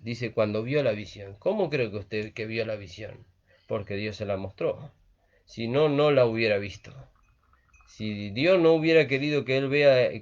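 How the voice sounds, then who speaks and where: A man's voice: mid-range voice, darkish tone. A man preaching a sermon, earnest and repetitive, often asking "¿vio?". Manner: earnest, repeats phrases with frequent "¿vio?". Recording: dull lo-fi recording.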